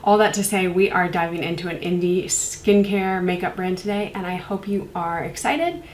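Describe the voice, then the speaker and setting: A woman's voice: lowish voice, moderate pace, roomy sound, slight background noise, poor audio. Congested chatty woman reviewing skincare. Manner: chatty, rambling, many fillers like "like" and "um". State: congested from a cold. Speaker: beauty reviewer. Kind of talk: casual product review vlog.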